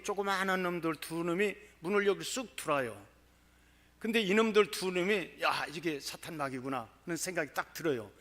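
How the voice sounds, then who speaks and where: Male preacher, bright forceful voice, slightly high, animated storytelling sermon. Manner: animated storytelling, grows loud and excited when recounting. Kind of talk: sermon testimony. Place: church.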